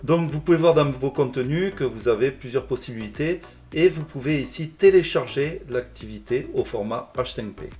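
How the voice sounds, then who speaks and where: A male language teacher calmly explaining a software tutorial step by step. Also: mid-range voice, moderate pace, faint music behind. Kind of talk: screencast tutorial narration.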